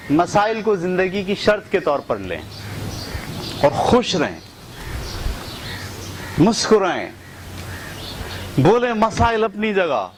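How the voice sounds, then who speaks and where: A man's voice: high-pitched, big pitch swings, long pauses, noisy background. A middle-aged man teaching a motivational training session, asking rhetorical questions and acting out the voices he quotes. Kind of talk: motivational lecture.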